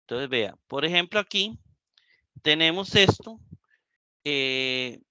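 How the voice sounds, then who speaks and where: A man teaching a live Greek class, slow and explanatory, with many fillers and repeated words. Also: fairly high pitch, animated, bright, forceful tone, smooth, no room sound, lo-fi sound. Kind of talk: live online lecture.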